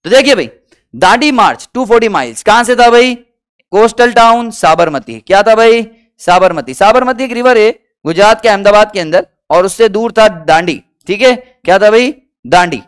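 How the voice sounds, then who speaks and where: A man teaches an energetic, classroom-style history lesson in a Hindi-English mix, constantly quizzing the class with repeated questions, having them repeat answers, calling them beta and acting out short quoted bits. His high voice is animated and clean, at a moderate pace.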